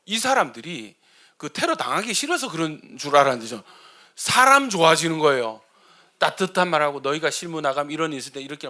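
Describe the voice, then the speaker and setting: A man preaching a sermon as pastor, telling funny stories and asking the congregation questions. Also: fairly high pitch. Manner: animated, asks the congregation questions; humorous storytelling.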